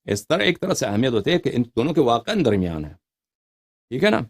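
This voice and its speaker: A man giving an explanatory scriptural lecture, emphatic, reciting quoted passages slowly and repeating key words, and putting rhetorical questions to his listeners. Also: mid-range voice, big pitch swings. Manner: asks rhetorical questions to the audience. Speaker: religious lecturer.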